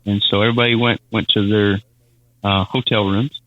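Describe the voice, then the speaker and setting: A man telling a personal faith testimony as a podcast guest, halting and repeating words as he speaks. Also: fairly low pitch, flat delivery, dry recording, muffled recording. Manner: halting, repeats words, Southern-style casual phrasing.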